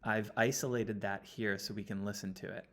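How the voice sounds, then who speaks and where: A man talking through an audio analysis step by step, often checking in with a quick "okay?". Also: on the low side, flat delivery, a bit bright. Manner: explanatory, checks in with frequent "okay?". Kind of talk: screen-recorded audio analysis walkthrough. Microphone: computer mic, sitting close.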